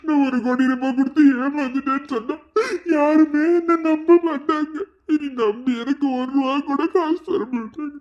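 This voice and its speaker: A woman's voice: medium pitch, lively intonation, measured pace, long pauses. A woman voicing a young husband in an amateur cartoon, in pain, with a Madurai Tamil accent and a sobbing, pleading way of talking. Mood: tearful despair. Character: young husband, wounded, tearful and scared. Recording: dull lo-fi recording.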